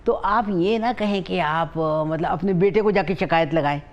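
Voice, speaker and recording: A woman's voice: on the low side, moderate pace. An older woman with a Pakistani Urdu accent giving family advice as a guest on a TV morning show, in an earnest, motherly way. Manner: earnest, motherly, repeats herself.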